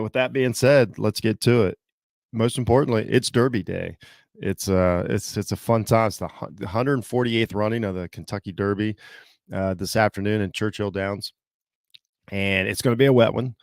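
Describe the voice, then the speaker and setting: A man from Southeastern Ohio with a slight Southern accent, hosting a casual solo sports podcast, talking haltingly with many fillers and restarts. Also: lowish voice, vocal fry, dry recording, clean studio sound. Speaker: podcast host.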